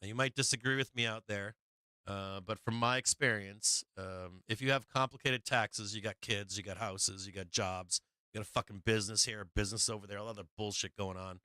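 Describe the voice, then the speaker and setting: A man's voice: on the low side, steady tone, a little fast, bright, forceful tone, smooth, dry recording. A man hosting a stock market livestream, telling a story in a casual, rambling way, swearing often, using many fillers and raising his voice when he acts out other people. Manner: acts out quoted people with a raised voice.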